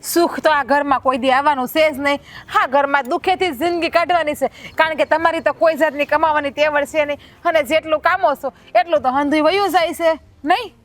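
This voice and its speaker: A woman's voice: high-pitched, brisk, lightly acted. An actress playing a proud young wife who taunts and scolds her husband. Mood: scolding. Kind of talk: village family drama.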